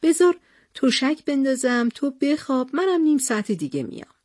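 A woman's voice: high-pitched, very animated, a little mellow, dry recording, clean studio sound, voice pushed up. A woman reading as a tender young husband. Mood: caring. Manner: tender, earnest. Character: gentle devoted young husband, soldier.

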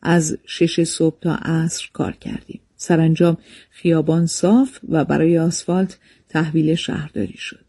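A man reading a memoir aloud as a calm, measured storybook narration, recorded close to the mic. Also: on the high side, gravelly, slightly rough, no room sound.

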